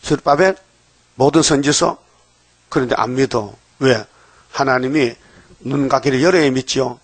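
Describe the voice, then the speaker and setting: A man preaching a dawn sermon, emphatic, often prodding his listeners with quick rhetorical questions. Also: medium pitch, no room sound.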